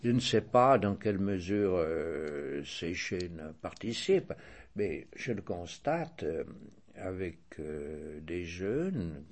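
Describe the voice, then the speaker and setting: The low-pitched voice of an older man with a Swiss French accent swings widely in pitch as he answers an interview. He proceeds hesitantly and deliberately, repeatedly restarting and correcting himself.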